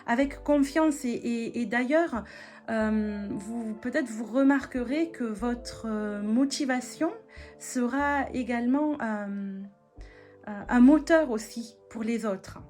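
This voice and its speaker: A woman giving a weekly tarot and oracle card reading in a gentle spiritual tone, with many hesitations and restarts. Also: fairly high pitch, takes it slowly, faint music behind.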